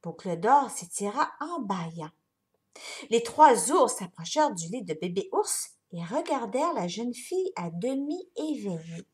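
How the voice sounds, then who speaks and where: Slow, lively woman reading a story. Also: mid-range voice. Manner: expressive, unhurried storytelling. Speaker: story reader. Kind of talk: reading a children's story aloud.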